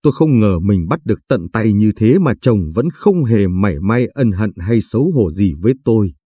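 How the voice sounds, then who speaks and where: A man's voice: on the low side, lively intonation, moderate pace, warm tone, husky, no echo. A man narrating a dramatic first-person audio story with emotional delivery.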